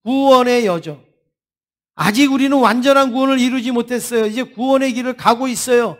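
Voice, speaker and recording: A man's voice: extremely high pitch, a little fast, fairly bright tone. A man preaching a Sunday sermon as senior pastor. He asks the congregation questions and acts out the people's pleading and complaints. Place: church sanctuary.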